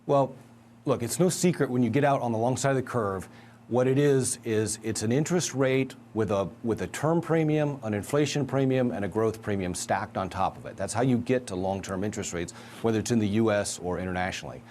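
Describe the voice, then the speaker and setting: A man giving a measured, analytical market view as a guest in a financial news interview. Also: fairly low pitch, darkish tone, slight background noise. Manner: measured, analytical, emphatic asides.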